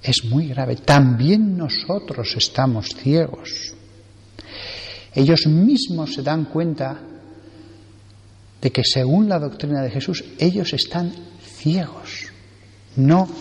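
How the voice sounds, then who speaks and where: A Spanish priest delivers a sermon at a slow, deliberate pace. He leans on repeated phrases to press his points home. His voice carries a long reverb, as if he were speaking in a church. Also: on the high side, dull audio. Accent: Spanish from Spain. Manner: slow, earnest preaching with emphatic repetition.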